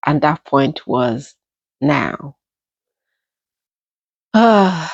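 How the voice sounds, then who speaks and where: A young woman vlogger, telling a family story in a casual, animated way, acting out the people she quotes. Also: lowish voice, no room sound, highs cut off. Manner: animated retelling with quoted voices and laughs.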